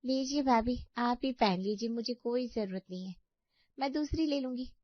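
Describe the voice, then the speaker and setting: The role here is a scornful, scheming young sister-in-law in a cartoon story, played by a woman voice actor with a natural, fairly high voice at normal speed. She whines and accuses spitefully. The audio has no echo and is dry and slightly dull.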